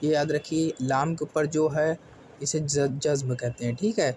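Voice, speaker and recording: A man leads a careful Quran recitation lesson. He breaks each word into letters and vowel marks. His slightly high voice keeps checking that the learner follows, over faint background ambience. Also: steady tone, darkish tone, a little hiss or hum. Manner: patient, often asks "theek hai?", spells letters slowly. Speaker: Quran tajweed teacher. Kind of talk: slow step-by-step recitation lesson.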